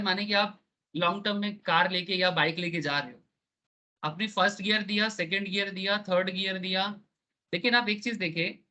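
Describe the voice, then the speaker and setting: A man teaching a live online class. His voice sits high and sounds bright and forward. He keeps checking that the students follow and leans on homely analogies.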